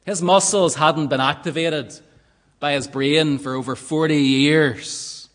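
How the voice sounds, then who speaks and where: A man's voice: on the high side, fairly even intonation, slow pace, fairly bright tone. A man preaching a sermon in an earnest, emphatic way, often asking rhetorical questions. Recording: long reverb of a large hall.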